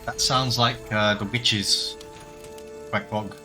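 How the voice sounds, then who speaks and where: A man's voice: on the low side, slow pace, over music. Man thinking aloud over gameplay. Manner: relaxed, thinking aloud with fillers. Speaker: gameplay commentator. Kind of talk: casual game commentary.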